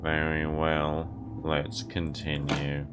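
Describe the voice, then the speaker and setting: Man putting on a slow, faint, very old nun. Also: rumbling low, monotone, over music. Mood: calm, evasive. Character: elderly nun running an orphanage, slow, doting, sinister.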